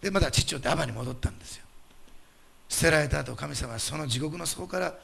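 A male pastor delivering a sermon, emphatic and animated, putting rhetorical questions to the congregation. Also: fairly high pitch, fast, vocal fry, slightly rough.

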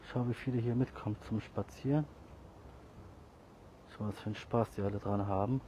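A man walking outdoors with a group of cats, talking to them casually, scolding and coaxing, sometimes calling out loudly. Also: lowish voice, fairly even intonation, normal speed. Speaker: cat caretaker vlogger. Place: outdoors on a street walk. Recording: faint outdoor noise.

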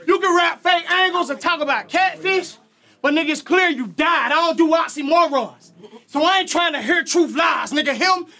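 A man with a Southern US country accent performing aggressive battle rap, shouting his bars at a live event. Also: very high-pitched, normal speed. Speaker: battle rapper.

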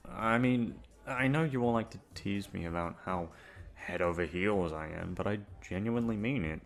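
In an ASMR roleplay audio drama, a man plays a young playboy, speaking low with heavy gravelly fry over faint background music. His informal talk swings from cocky swagger to shy fluster, and he's flustered and self-doubting, halting and tongue-tied around his crush.

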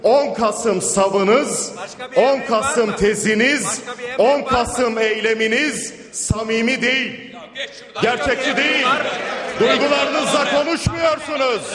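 A man's voice: very high voice, steady tone, takes it slowly, a crowd in the background. A man delivering a formal, emphatic parliamentary speech at a rostrum microphone in a large chamber. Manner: emphatic, repetitive oratory. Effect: speaking at a rostrum microphone. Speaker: member of parliament. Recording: long hall reverb.

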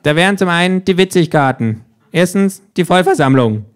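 A man's voice: high-pitched, expressive, a little fast, some chatter behind, pitched above the performer's own voice. A man voicing a cheeky, sardonic talking kangaroo that lectures everyone in a smug, mocking tone, in an audiobook-style reading. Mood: smug lecturing. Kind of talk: audiobook-style rules narration.

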